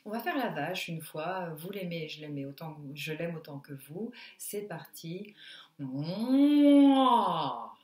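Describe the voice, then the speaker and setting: A woman teaching a singing lesson, coaching breathing and relaxation in a slow, calm way and demonstrating sung sounds. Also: low voice. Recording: echoey room.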